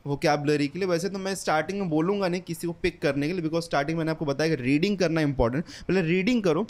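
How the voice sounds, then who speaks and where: A young English teacher talks fast in a slightly high voice with a darkish tone. Earnest and repetitive, he mixes English into his Hindi during a casual spoken lesson that includes a book recommendation.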